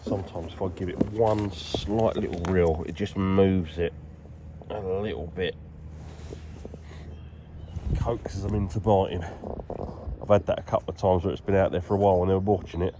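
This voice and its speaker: A man's voice: low-pitched, fairly even intonation, normal speed, pauses often, background noise. A British man with a congested, stuffy nose from a cold, chatting casually and thinking aloud as he films himself fishing. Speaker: angler filming a fishing vlog. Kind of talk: casual chat to camera while fishing. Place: outdoors by the water.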